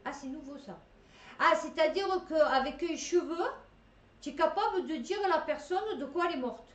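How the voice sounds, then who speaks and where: A woman's voice: sits high, normal speed, reverberant, recorded from a distance. A woman with a Marseille accent reads science headlines and chats about them casually, with many fillers and restarts. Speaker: host reading science news. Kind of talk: casual commentary on news articles.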